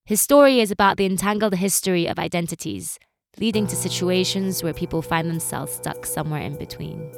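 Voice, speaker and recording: Woman host reading a measured intro. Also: on the low side, creaky. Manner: measured, read from a script. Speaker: podcast host. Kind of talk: scripted introduction. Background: soft music.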